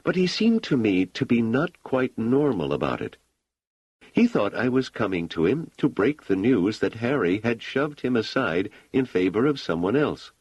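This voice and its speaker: A man's voice: mid-range voice, big pitch swings, normal speed, darkish tone, slightly rough, no room sound, lo-fi sound. A man reading an audiobook, voicing a skeptical grown son who talks bluntly with dry sarcasm. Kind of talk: audiobook character voice.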